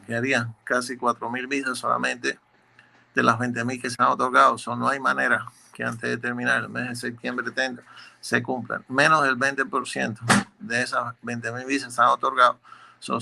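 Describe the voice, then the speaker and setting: A man's voice: medium pitch, creaky, pushed and bright. A man working as an immigration lawyer, answering legal questions in a methodical, explanatory way, often repeating words as he searches for the next one.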